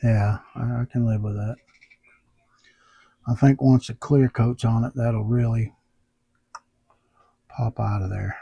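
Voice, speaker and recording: Working in his home workshop under overhead lights, an airbrush artist has the hiccups and mutters and thinks aloud casually as he goes, captured on a tablet camera. His medium-pitched voice is steady, slow, creaky, mellow and a bit breathy, with long pauses. The audio is muffled, with no room sound.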